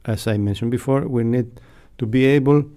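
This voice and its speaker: A mellow middle-aged radio sound technician gives unscripted, explanatory answers in an interview. He speaks at medium pitch and a moderate pace into a close broadcast mic in an acoustically padded radio studio.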